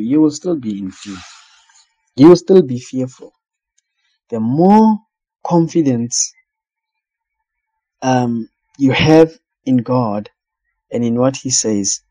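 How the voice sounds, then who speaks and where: A man's voice: medium pitch, mellow, slightly rough, rough recording. A man from South Africa preaching a sermon, earnest and repeating phrases for emphasis.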